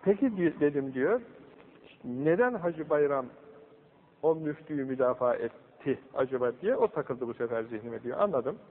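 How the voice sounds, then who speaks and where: A man giving a religious talk, telling a story with lively quoted voices. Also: mid-range voice, moderate pace, a little hiss or hum. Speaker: religious teacher. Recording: old tinny recording in a hall.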